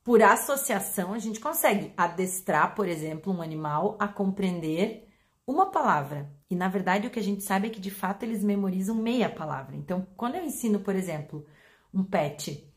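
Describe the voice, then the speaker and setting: A woman with a Brazilian Portuguese accent, a pet behavior educator explaining to her audience in an animated way, acting out examples. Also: mid-range voice, normal speed. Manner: animated, acts out examples with voice changes.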